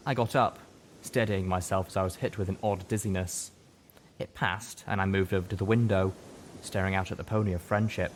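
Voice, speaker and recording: Reading a dramatic work of fiction as an audiobook narrator, a man speaks over noticeable background noise that includes a low rumble.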